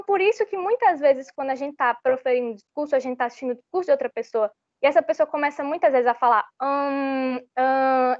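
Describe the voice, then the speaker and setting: A woman's voice: high voice, no echo. A young woman from Brazil giving an online public speaking lesson, explaining step by step and often restarting her phrases. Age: young adult. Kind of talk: online workshop lecture. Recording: slightly muffled, dull sound.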